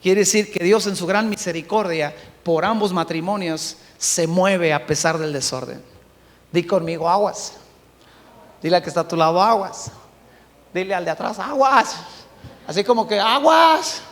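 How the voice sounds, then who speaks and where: A middle-aged Mexican pastor preaching a sermon, swinging between shouts and hushed passages. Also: male voice, high voice, normal speed, in a large hall. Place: church hall.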